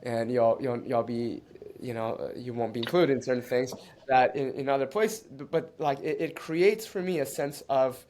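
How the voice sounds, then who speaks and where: With a mid-range, slightly mellow voice, a China-born man raised in Canada gives thoughtful, halting interview answers. He restarts his sentences many times and laughs frequently.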